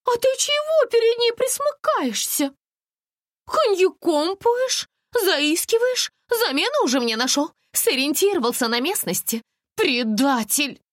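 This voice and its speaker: A shrill, hysterical young woman shrieks and whines in a high, swooping voice, as a woman reader puts her on. The sound is close and dry, and the figure comes across as a high-strung bus passenger from a spoken storybook. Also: big pitch swings, measured pace, no room sound, full character voice. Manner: screeching, whiny.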